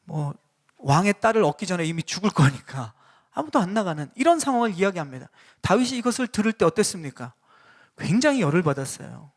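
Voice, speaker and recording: A man's voice: high-pitched, big pitch swings, fast. A male pastor preaching a sermon in a church and putting questions directly to the congregation. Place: church sanctuary.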